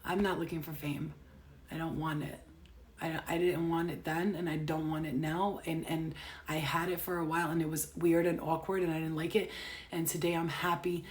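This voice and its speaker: A tarot reader and spiritual healer in her late thirties chats casually with live-stream viewers, brash, profane and animated, swinging between loud rants and soft, earnest asides. Her voice is low-pitched and her pace moderate.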